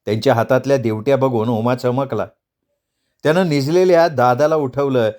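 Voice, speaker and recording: A man's voice: medium pitch, normal speed, a little mellow. A man narrating a novel as an audiobook, telling the story dramatically.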